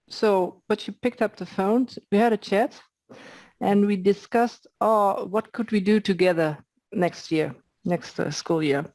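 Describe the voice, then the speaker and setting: A woman's voice: mid-range voice, mellow, no room sound. A woman at home telling a casual story over a video call, friendly and with some fillers. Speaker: session participant.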